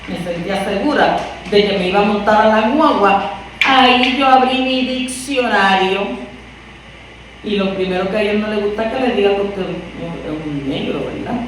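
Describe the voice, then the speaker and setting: A Puerto Rican woman with a Puerto Rican accent preaches a conversational sermon, posing rhetorical questions to her listeners. Her voice sits at a medium pitch and moves at a moderate pace. The recording is distant and echoey, with faint background noise.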